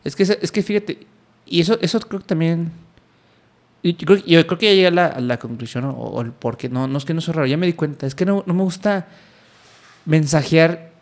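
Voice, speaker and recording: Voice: medium pitch, brisk. A speaker in a casual chat, talking hesitantly with many restarts.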